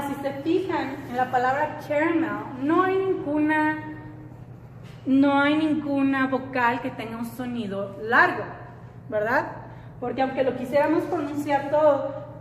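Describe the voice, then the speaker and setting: A woman leads a classroom lesson in a high voice and an unhurried pace. She keeps turning to the students with questions and repeats each word slowly. The sound is roomy, with a long echo and faint ambience behind her. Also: a little hiss or hum. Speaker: English teacher. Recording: echoey room, faint background ambience.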